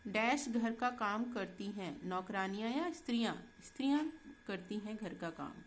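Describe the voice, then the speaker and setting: A woman teacher going through textbook exercises with students in a slow, patient way, often checking in as she goes. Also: mid-range voice, expressive, slight background noise. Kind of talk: Hindi textbook exercise lesson.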